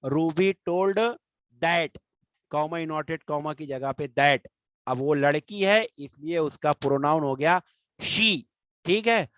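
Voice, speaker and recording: A male teacher from India walks through a grammar lesson in a fairly high voice. He stretches the English example sentences out slowly so each word lands. The sound is close and dry, with no room echo. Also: a bit bright.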